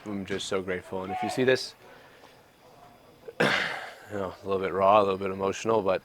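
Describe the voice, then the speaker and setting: Young male vlogger from Canada, deep and steady delivery, earnest and reflective. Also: brisk. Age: 20s. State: out of breath. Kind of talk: casual travel vlog. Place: traveling abroad, outdoors and in.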